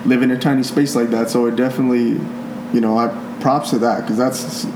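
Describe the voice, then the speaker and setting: A man with a mid-pitched voice does a casual podcast interview. The room is echoey and there is clear noise behind him. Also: steady tone, brisk.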